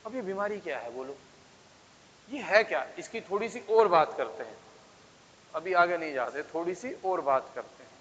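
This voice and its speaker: Male classroom teacher, slightly high voice, keeps quizzing the class; dull, echoing hall sound. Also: expressive, normal speed, fairly bright tone, a little hiss or hum. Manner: coaxing, keeps asking the class questions. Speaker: physics teacher. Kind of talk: classroom lecture. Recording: dull sound with long reverb.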